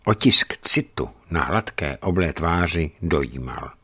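Deep-voiced man reading a novel gravely. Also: expressive, sharp tone. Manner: measured, grave storytelling. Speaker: audiobook reader. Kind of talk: literary audiobook narration.

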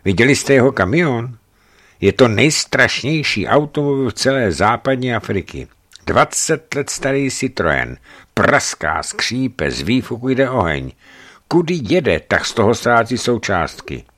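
A man's voice: medium pitch, big pitch swings, a bit bright, voice pushed up. A man voicing an enthusiastic, gossipy female hotel manager, talking emphatically and with animation. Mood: animated.

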